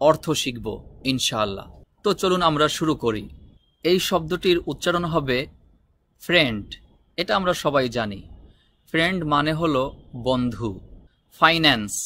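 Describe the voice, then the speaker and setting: A man teaching English vocabulary, repeating each word slowly before giving its meaning. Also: on the high side, bright, forceful tone. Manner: slow, repetitive word drilling with explanations. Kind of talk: spoken English vocabulary lesson.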